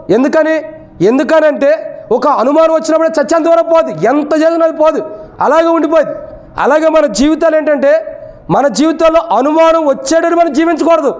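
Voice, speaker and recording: A preacher with a Telugu accent delivers his sermon in a very high voice. He keeps putting questions to the listeners and answering them himself, repeating key phrases. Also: a little fast. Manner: repetitive call-and-response questioning.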